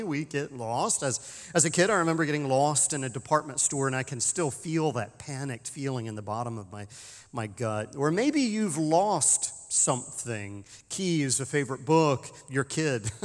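A man preaching a sermon as pastor, telling stories in a lively, conversational way. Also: mid-range voice. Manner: storytelling, lively when quoting. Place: church sanctuary. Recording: long church reverb.

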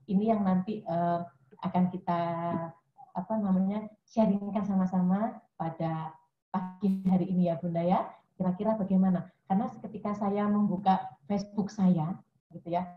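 A woman educator giving a chatty parenting webinar talk to mothers, with many fillers. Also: medium pitch. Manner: chatty, addresses listeners as Bunda, many fillers. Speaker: early childhood educator speaking to parents. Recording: dull, echoey room audio.

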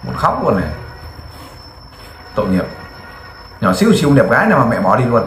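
A man running a field interview, his tone direct and coaxing as he questions and prompts. His voice has a middle pitch and carries some echo. Faint noise stays in the background. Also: big pitch swings, a little fast. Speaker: volunteer interviewer.

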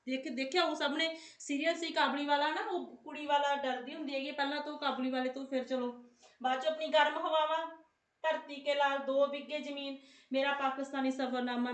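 High, bright-voiced Punjabi woman teacher, insistent. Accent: Indian Punjabi. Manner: insistent, repeats prompts and phrases; scolds and coaxes pupils familiarly. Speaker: online exam coaching teacher. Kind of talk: live quiz lesson with chatty asides. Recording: echoey room sound.

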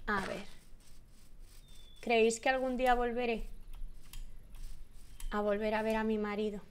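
A young woman with a Spanish accent, chatting to her viewers while playing a game, with sudden high shrieks. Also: steady tone, a little slow, clean tone. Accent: Spanish from Spain. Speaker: gaming YouTuber. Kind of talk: Minecraft let's play commentary. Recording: game music behind the voice.

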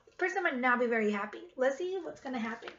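Reading to young children as their teacher, this woman in her thirties repeats questions to them via webcam from home. Her high-pitched voice is expressive, fast, and a bit bright. The webcam sits about arm's length away in her living room, giving a dull sound with noticeable noise.

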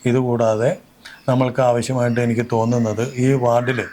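A man answering interview questions as a local election candidate, earnest and measured, listing his plans point by point. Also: medium pitch, little pitch movement, darkish tone, a little hiss or hum.

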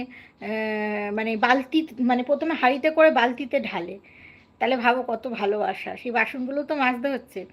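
A woman from West Bengal chatting casually and earnestly with viewers on a live stream, often asking them questions. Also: sits high.

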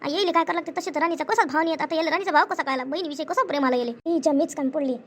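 Fast, high-voiced woman. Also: a little hiss or hum. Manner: chatty, repeats herself, reassuring and gossipy. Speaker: storyteller voicing family members. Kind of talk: conversational family skit.

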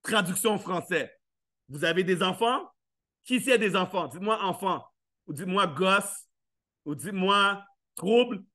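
A man with a high, forceful voice speaks from a live event stage. He questions his listeners directly and slips into quick acted scenes. The delivery stays playful and punchy. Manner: playful, questions the audience, acts out little scenes. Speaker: motivational speaker. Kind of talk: live motivational talk to an audience.

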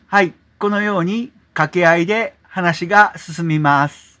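A man hosting a software tutorial, explaining step by step in a polite manner, often adding 'desu ne' as filler. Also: high-pitched, unhurried. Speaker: tutorial host. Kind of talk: screen-recorded software tutorial.

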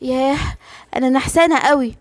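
A woman voicing a calm mother lioness in a cartoon, with an Egyptian accent and a soothing, reassuring way of talking. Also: high-pitched, a little fast, dry recording, clean studio sound, natural voice. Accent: Egyptian Arabic. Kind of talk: cartoon bedtime story voicing.

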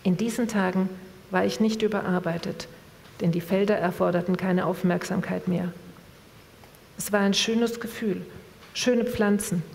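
A woman reading from a novel in a measured, expressive way, then asking an author a question at a public reading event. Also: mid-range voice, vocal fry, a little hiss or hum. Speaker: reader and moderator. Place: event hall. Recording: long reverb of a hall.

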